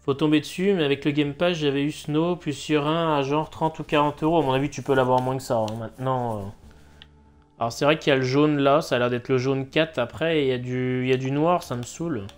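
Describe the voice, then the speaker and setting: A man's voice: mid-range voice, steady tone, fairly quick. A man giving casual live commentary as he streams a game, with noncommittal, shrugging asides. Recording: clear background noise, game ambience.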